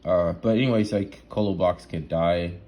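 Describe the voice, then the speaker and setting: A man talking through an idea in a rambling, excitable monologue, full of restarts and asides, laughing at himself now and then. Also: low-pitched, normal speed. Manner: rambling, restarts often, lots of fillers and "right?". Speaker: solo vlogger.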